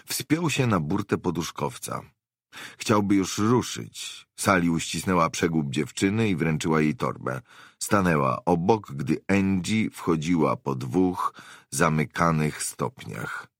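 A man reading an audiobook in a measured, expressive storytelling manner. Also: sits low, dry recording, studio quality. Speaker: audiobook narrator. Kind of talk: scripted narration.

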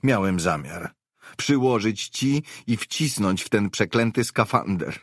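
A man voicing an agitated, urgent male character in an audiobook, raising his voice and shouting at times. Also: fairly low pitch, lively intonation, a little slow, husky, dry recording, clean studio sound, voice pushed up. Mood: relieved. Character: agitated man, frantic then relieved.

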